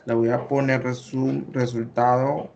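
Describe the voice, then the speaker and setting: This man, who has a Mexican Spanish accent, leads an online class, reviewing student work one step at a time and correcting it patiently amid lots of fillers. His mid-range voice is unhurried, flat and a little mellow, with vocal fry. The lo-fi recording carries a little hiss or hum.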